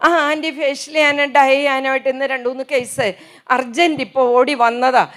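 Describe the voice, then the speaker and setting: A woman in her seventies voicing a polite young woman beautician who explains herself quickly. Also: high-pitched, flat delivery, fairly bright tone. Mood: explaining.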